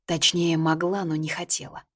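A woman with a low voice reads a first-person novel as an audiobook narrator. Her delivery is lively and expressive, carrying the story along with feeling. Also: normal speed, husky.

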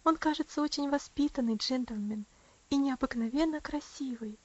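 A woman voicing a gentle, affectionate young woman in an audiobook, speaking tenderly and soothingly. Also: high-pitched, moderate pace, dry recording, dull audio, voice pushed up, lightly acted. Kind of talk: audiobook character voice.

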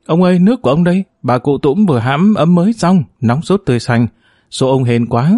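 A man voicing a lively, cheerful young village woman with a clear, ringing girlish tone and an eager, affectionate way of talking. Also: on the high side, fairly quick, no echo, studio quality.

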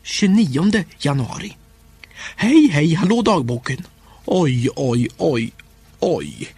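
A man narrating a comic first-person diary storybook in a playful, expressive way. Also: on the high side, husky, no echo. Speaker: audiobook narrator.

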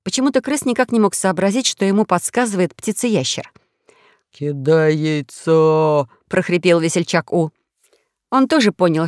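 A woman narrating a children's audiobook story with expressive storytelling. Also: medium pitch, no echo, clean studio sound.

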